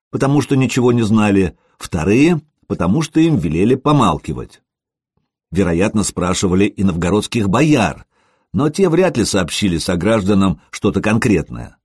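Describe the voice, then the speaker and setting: A man reading a story aloud with expressive narration. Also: fairly low pitch, husky, dry recording, studio quality. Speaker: audiobook reader. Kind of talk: scripted narration.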